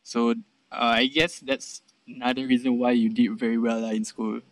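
A man's voice: medium pitch, little pitch movement, moderate pace, no room sound, low-quality recording. A young man with a Singaporean accent, asking casual interview questions in Singlish, tentatively rephrasing as he goes.

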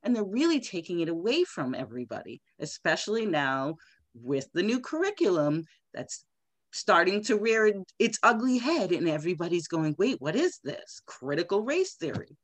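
A woman's voice: on the low side, no room sound. A woman political candidate speaking emphatically in an interview. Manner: animated, emphatic, quick bursts. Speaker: congressional candidate, guest. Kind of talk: conversational interview.

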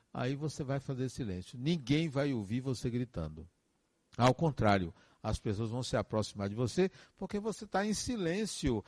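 Male counselor, emphatic advice-giver, expressive pitch, dry recording. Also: dry recording. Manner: earnest, advice-giving, emphatic repetitions. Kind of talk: reflective motivational monologue.

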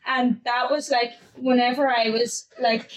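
A woman's voice: fairly high pitch, level tone, a little slow, poor audio. A young adult woman, a newly qualified fitness coach, chatting casually on a podcast, laughing often and acting out her past self.

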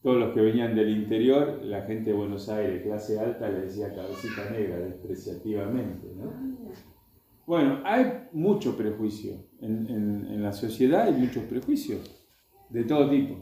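A man's voice: fairly low pitch, moderate pace, warm tone, slight background noise. A man with an Argentine accent reading scripture aloud to a group and stopping to explain it in plain words. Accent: Argentine Spanish. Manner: reads aloud, then stops to add plain explanations. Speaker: Bible study teacher. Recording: echoey room.

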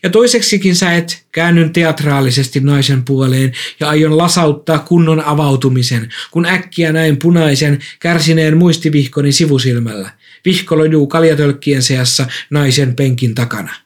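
Man calmly reading a story. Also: fairly high pitch. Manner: calm, measured storytelling. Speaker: narrator. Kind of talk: first-person story reading.

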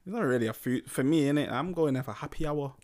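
A man's voice: fairly high pitch, expressive, fast talker, a little mellow. A young man, chatting casually and in thick street slang as a musician being interviewed. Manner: slangy roadman talk. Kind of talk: casual chat.

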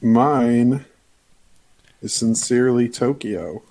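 A man's voice: mid-range voice, slow, darkish tone. A man in his twenties on a casual podcast, easygoing and slangy about music. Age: 20s. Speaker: podcast co-host. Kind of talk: casual group chat.

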